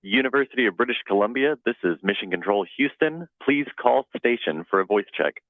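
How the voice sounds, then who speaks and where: A man's voice: medium pitch, expressive, a little fast. Man on a tinny space radio link. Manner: crisp formal radio protocol. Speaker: mission control communicator.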